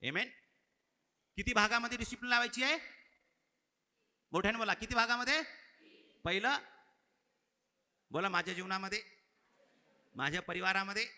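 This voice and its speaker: A man's voice: sits high, sharp tone. A man preaching a sermon as pastor, calling on his congregation to repeat phrases aloud. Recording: echoey hall reverb.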